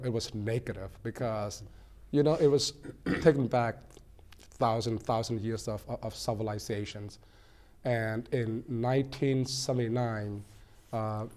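A man in his forties, born in Cambodia, telling his story as a guest in a TV studio interview, earnest and measured with frequent ums. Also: mid-range voice, dark tone. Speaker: guest, political candidate. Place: small TV studio set.

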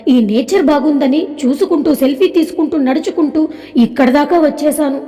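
A woman's voice: high voice, moderate pace, dark tone, lightly acted. A woman voicing a carefree, innocent young woman who pleads sweetly, with a long echoing reverb. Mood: pleading.

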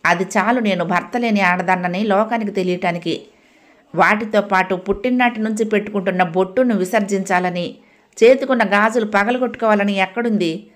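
A woman voicing a composed young widow who speaks in a calm, measured and firm way. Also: mid-range voice, lightly acted.

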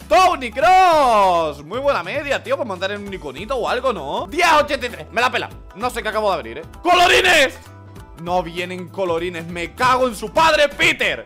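A man with a Spain Spanish accent doing excitable pack-opening gameplay commentary, yelling at each reveal and chattering fast to viewers. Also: high-pitched. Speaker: gaming video creator.

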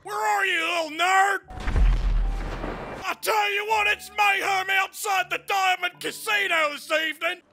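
A man's voice: very high voice, fairly even intonation, unhurried, vocal fry, soft background music. A man trolling players in a game's voice chat, barking every line like a drill sergeant. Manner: constant shouting, drill-sergeant bark. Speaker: online game prankster.

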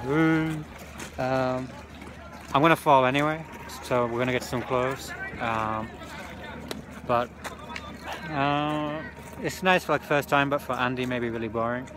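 A British vlogger in his twenties chats casually to a phone held at arm's length, saying "like" often, for an outdoor travel vlog at a station and on a ski slope. His medium-pitched voice has a steady tone and a measured pace. The phone recording is noisy.

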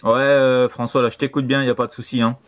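The signal is very noisy as a Frenchman on a transceiver makes casual radio contact, his French accent clear through the CB shortwave link. He talks quickly and flatly at medium pitch, repeating himself in easygoing amateur-radio chatter.

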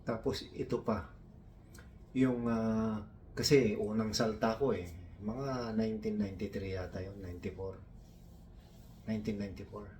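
A man's voice: lowish voice, little pitch movement, measured pace, long pauses, darkish tone, recorded from a distance, slight background noise. A man from the Philippines doing stand-up storytelling, taking on his coworkers' broken English in a raised voice. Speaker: comedian.

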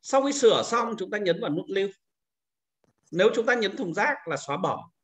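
A man leads a screen-recorded software tutorial for fellow teachers, taking each step patiently in order. His voice sits high and sounds bright and forward. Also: expressive, normal speed. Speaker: teacher trainer.

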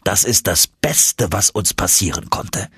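A serene older professor, speaking low and unhurried with complete confidence, as a man voices him in an audiobook. His voice is slightly husky and dry. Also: a bit bright, no echo, exaggerated voice. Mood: calm. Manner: slow, low, unruffled.

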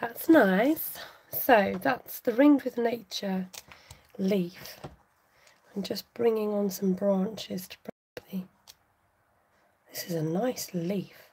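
Slow, mellow woman crafting. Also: medium pitch, slightly rough. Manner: chatty, talks to viewers while working. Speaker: craft tutorial host. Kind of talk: casual live craft demonstration.

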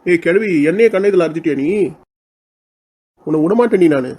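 Insolent, quick-mouthed younger sister, mocking and combative, a man plays her. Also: high-pitched, animated, heavy background noise. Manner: mocking, insolent, picks fights. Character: sharp-tongued cheeky young woman, the younger sister. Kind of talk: comic village skit acting.

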